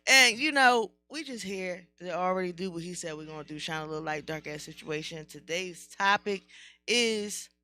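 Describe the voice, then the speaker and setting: American lady podcast host, lispy from her retainers, bright voice, blunt n sweary. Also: on the low side, moderate pace, clear, resonant tone. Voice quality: slightly lisping, slurred speech from wearing retainers. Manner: blunt, slangy, swears freely. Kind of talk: casual podcast chat.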